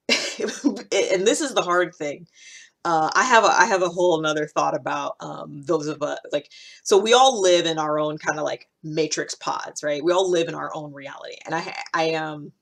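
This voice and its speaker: With a low voice touched by vocal fry, this woman speaks at normal speed. She's an American in her thirties hosting a podcast, giving off-the-cuff self-improvement advice to camera and stressing her main points by emphatically repeating them.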